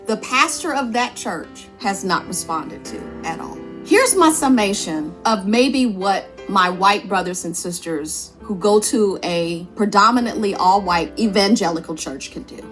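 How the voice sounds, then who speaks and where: A woman's voice: mid-range voice, lively intonation, unhurried, few pauses, soft background music. A woman, a church singer, telling her personal testimony in an earnest, conversational and emphatic way.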